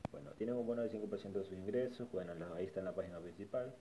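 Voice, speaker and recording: Racing along in a low-pitched voice over heavy background noise, a man casually guides viewers through a website in a screen recording. As a tutorial vlogger, he's repetitive, frequently restarting his phrases as he points things out.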